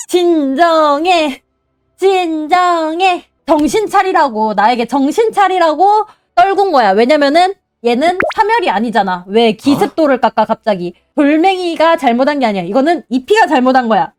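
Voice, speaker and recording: A young woman streaming a game, commentating excitedly, cheering herself on and mock-calming herself. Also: sits high, normal speed. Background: game music.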